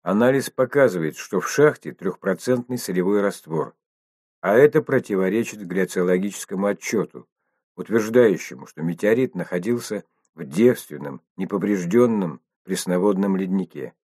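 Narrator doing a wary scientist guy in an audiobook, measured and unsure. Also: deep voice, animated, darkish tone, breathy edge, no room sound, studio quality. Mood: uneasy. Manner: hesitant, measured. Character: cautious thoughtful male scientist.

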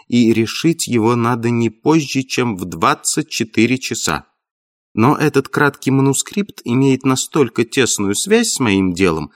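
A man voicing an earnest male country doctor with a sharp, slightly creaky voice. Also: medium pitch, lightly acted. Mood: urgent.

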